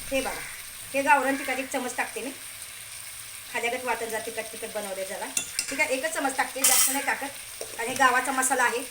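A woman's voice: sits high, fairly quick, long pauses. A woman with a Marathi accent hosting a home cooking video, chatting casually and checking in with viewers as she cooks. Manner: chatty, keeps asking "okay?" and telling viewers to look. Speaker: home cooking channel host. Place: home kitchen. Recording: echoey kitchen with cooking noise. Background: sizzling pan and clattering pots.

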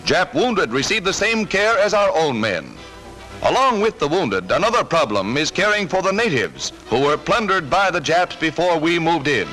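Old newsreel announcer, high and lively. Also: male voice, rough recording. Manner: brisk, punchy, patriotic delivery. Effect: old newsreel soundtrack. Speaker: newsreel narrator. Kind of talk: 1940s newsreel narration. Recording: narration over loud music.

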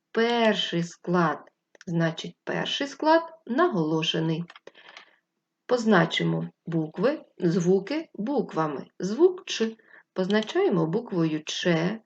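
A woman teaching first graders, speaking patiently and clearly and drawing out syllables. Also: mid-range voice. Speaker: primary school teacher. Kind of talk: slow, clear remote lesson for first graders. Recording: dull lo-fi recording.

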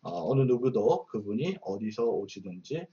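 A man's voice: fairly low pitch, sing-song, moderate pace, warm tone, highs cut off. A man teaching English Bible verses in a patient, explanatory way, reading each line and then explaining it, a native Korean speaker. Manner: patient, repeats glosses, fillers like "어" and "자".

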